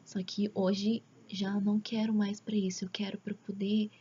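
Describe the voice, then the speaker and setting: A woman with a Brazilian accent gives a casual, earnest religious testimony at home, often dropping into a hushed near-whisper. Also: mid-range voice, level tone, normal speed. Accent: Brazilian Portuguese. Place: at home, father talking in the background. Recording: dull lo-fi home recording with faint background noise.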